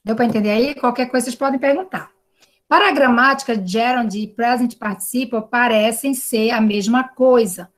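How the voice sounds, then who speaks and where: A woman English teacher with a Brazilian Portuguese accent teaches an online class over a video call, explaining things patiently and frequently checking in with tag questions. Her voice is on the high side, and she speaks at a normal speed.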